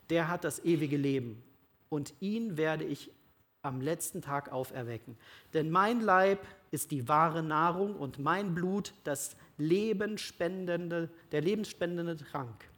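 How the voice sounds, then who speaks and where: A reader voicing a solemn, slow-spoken Jesus. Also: medium pitch, a bit bright. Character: Jesus as a calm, solemn male teacher.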